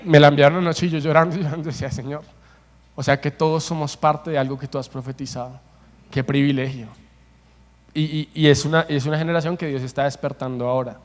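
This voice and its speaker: A man's voice: on the high side, steady tone, fast talker. A man preaching a passionate sermon as pastor, repeating phrases for emphasis. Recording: long hall reverb.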